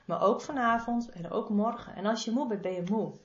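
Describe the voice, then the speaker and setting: A woman's voice: a little high, fairly quick. Female therapist, informal and affectionate, repeats her advice. Roomy, slightly muffled recording. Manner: affectionate toward listener. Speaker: body-energy therapist. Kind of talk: casual advice monologue. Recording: roomy, slightly dull sound.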